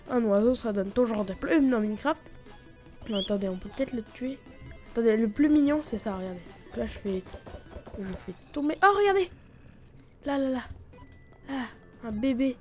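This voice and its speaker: A woman with a fairly high voice gives a chatty, excitable gaming commentary. She breaks into sudden exclamations and scatters fillers through her talk. Soft music plays in the background. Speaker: gaming YouTuber. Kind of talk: Minecraft mod showcase commentary.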